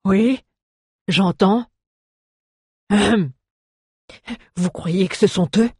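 A reader voicing an injured male dwarf in an audiobook, talking loud and strained in a high voice. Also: very slow, husky, no room sound, studio quality. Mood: weary. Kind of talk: audiobook character voice.

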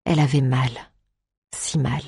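Husky storybook narrator, measured delivery, dry close mic. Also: medium pitch, level tone, darkish tone, no room sound. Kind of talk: scripted audiobook narration.

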